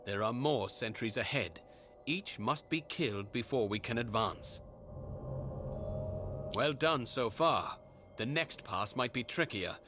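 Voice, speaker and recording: An actor playing a steady male military commander in a video game, giving measured orders. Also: medium pitch, lightly acted. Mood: resolute. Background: game music.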